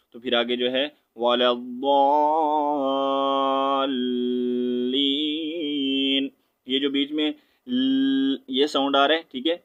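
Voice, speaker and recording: A man with a Pakistani Urdu accent teaching Quran recitation, spelling out letters and vowel marks, then reciting slowly and drawn out, with quick low explanations. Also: muffled recording. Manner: explains quickly in a low aside, often asking "right?".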